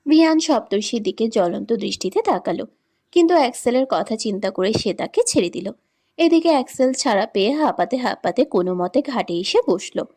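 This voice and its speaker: A woman's voice: fairly high pitch, animated, brisk, mellow. Woman narrating a romance story.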